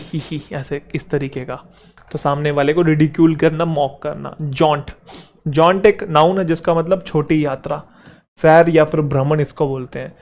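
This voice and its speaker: Man, exam-prep vocab teacher, slightly high voice, chatty, jokes, slow read-outs of examples. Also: darkish tone. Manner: explains in Hindi, reads English examples slowly and deliberately; chatty, jokes with students, keeps asking "theek hai?".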